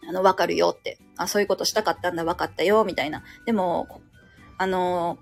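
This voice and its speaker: A woman's voice: medium pitch, darkish tone. A woman in her late thirties with a Kansai accent, musing aloud as the host of a late-night solo chat stream, with frequent fillers. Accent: Kansai Japanese. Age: late 30s. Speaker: radio host.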